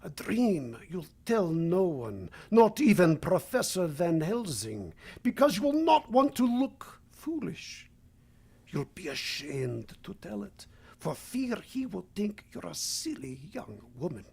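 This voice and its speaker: A woman playing a commanding, seductive male vampire count in a vintage-style radio drama, husky and theatrical, with measured menace. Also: on the low side, sing-song, a little mellow, full character voice. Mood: hypnotic, commanding.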